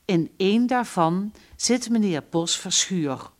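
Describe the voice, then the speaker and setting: Woman voicing a firm, soft-spoken older mother, storybook read. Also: medium pitch, animated, slow pace. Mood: explaining.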